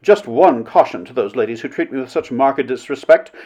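A narrator voices a self-important, quarrelsome woman in a story, declaiming with haughty, melodramatic, pompous indignation. The voice is medium-pitched and darkish, brisk with lively intonation, and lightly acted.

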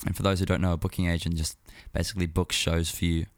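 Solo music show host, male, low register, dry sound, informal and rambling delivery. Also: level tone, fast talker, no room sound. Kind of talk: casual solo talk about music.

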